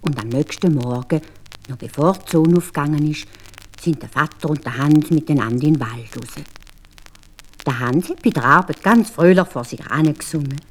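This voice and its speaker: A woman with a Swiss German accent telling a fairy tale in an expressive, animated way. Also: sits low, moderate pace. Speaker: storyteller.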